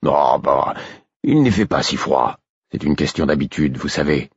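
A man reading aloud and voicing a gruff but kindly working man who speaks in a gentle, plain-spoken way. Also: rumbling low, lively intonation, normal speed, dry recording, lo-fi sound, full character voice. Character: gruff, kindly man with big tanned hands. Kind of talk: audiobook reading.

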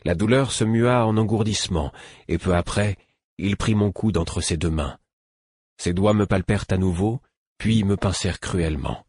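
Deep, husky male audiobook narrator. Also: normal speed, a little mellow, no echo, studio quality. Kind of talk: first-person novel narration.

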